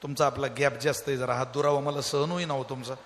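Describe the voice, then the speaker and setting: A man's voice: mid-range voice, fairly even intonation, fast. A man preaching a devotional kirtan sermon, dramatically acting out a mother and her crying child in his storytelling. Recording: long hall reverb.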